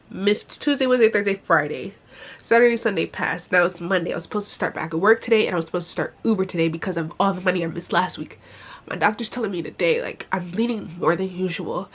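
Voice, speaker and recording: Young woman, blocked congested nose, slightly low pitch, raspy edge, casual candid vlog, complaining, informal. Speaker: vlogger. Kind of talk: casual personal vlog to camera.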